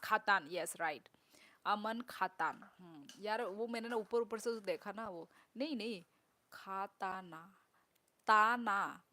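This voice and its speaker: A woman's voice: medium pitch, a bit bright. A young woman chatting casually on a live stream, reading comments and repeating words as she works them out.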